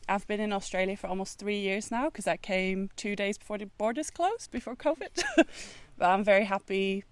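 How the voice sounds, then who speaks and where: A woman from Belgium introducing herself to a travel group, chatty and excited. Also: mid-range voice, normal speed, clear, resonant tone, dry recording.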